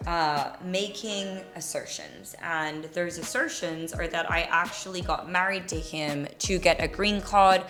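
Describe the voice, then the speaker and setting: A woman's voice: fairly low pitch, unhurried, hardly any pauses, fairly bright tone, soft background music. A young woman from Australia with a mixed Australian and American accent, frankly answering viewer questions in a casual vlog. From Australia, Gold Coast. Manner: candid, frank, chatty.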